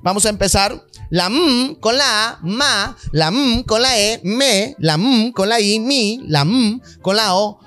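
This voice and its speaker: A man's voice: sits high, lively intonation, takes it slowly, bright, forceful tone, faint music behind, heavily acted. A man voicing a fussy woman teacher who scolds and drills vowels on a video call. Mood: scolding.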